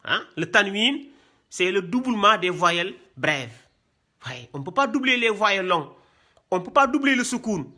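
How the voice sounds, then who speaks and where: A man's voice: high-pitched, very animated, normal speed, pushed and bright. A man teaching how to read Arabic script, repeating each point and checking with "hein" and "voyez bien". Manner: repetitive, drills terms, asks "voyez bien" and "hein". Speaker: Quran reading teacher. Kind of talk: classroom lesson.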